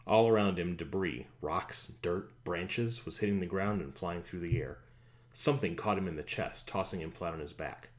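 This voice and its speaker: A man narrating a fantasy audiobook in a steady, even storytelling manner. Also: low-pitched, moderate pace.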